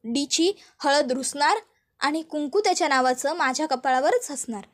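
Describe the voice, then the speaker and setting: A woman voicing a spoiled, frantic young woman who fires off shrill, demanding questions. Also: moderate pace, fairly bright tone. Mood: defiant.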